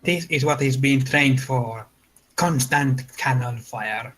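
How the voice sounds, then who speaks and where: A man's voice: medium pitch, slow, a bit bright, poor audio. A man running a tabletop game as game master, narrating the fight and adding spoken sound effects.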